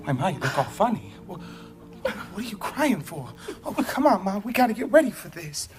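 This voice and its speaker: An actor playing a nervous young bridegroom in a 1940s film, pleading and earnest. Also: male voice, sits high, sing-song, moderate pace, crowd noise. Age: young adult.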